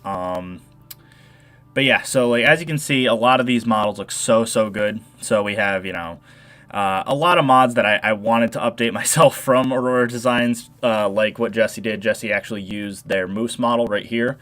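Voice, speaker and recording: A young man hosts a casual modding livestream tutorial, chatting and rambling as he explains his work and reads and answers chat. His nasal voice is fairly low-pitched and a bit bright, at a moderate pace.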